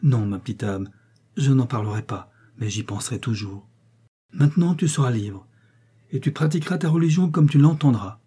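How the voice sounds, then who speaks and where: A man's voice: medium pitch, animated, moderate pace, mellow, breathy edge. A man reading aloud as a passionate young prince, a husband pleading tenderly with his wife in a storybook. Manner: fervent, pleading.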